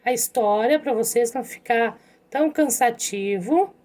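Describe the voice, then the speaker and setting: A young woman leads an online lesson in a high voice. She talks straight to her pupils in a calm, patient way. She reads the story slowly so they can follow along. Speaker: teacher.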